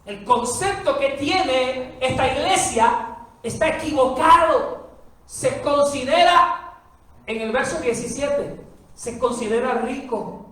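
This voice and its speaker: Woman preacher, high voice, emphatic rhetorical questions, heavy echo, distant mic. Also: slow, fairly bright tone. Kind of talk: sermon. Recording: very echoey hall, far from the mic.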